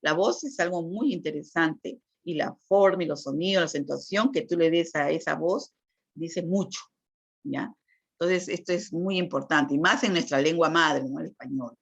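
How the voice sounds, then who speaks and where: On a dull, lo-fi recording, a female teacher gives a patient lecture about communication, often tacking on tag questions to check understanding. She has a deep, creaky voice and speaks at a moderate pace.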